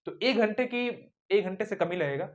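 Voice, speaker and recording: A man's voice: sits high, expressive, moderate pace. A young man teaching maths to students in a video lesson, who keeps asking and answering his own questions and speaks straight to his viewers. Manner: repetitive rhetorical questions, addresses students directly.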